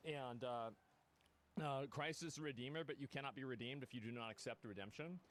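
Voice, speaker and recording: A man's voice: mid-range voice, fairly quick, fairly bright tone, slight background noise. A man streamer reacting to a clip on a live stream, heated and profane, repeating himself as he rants.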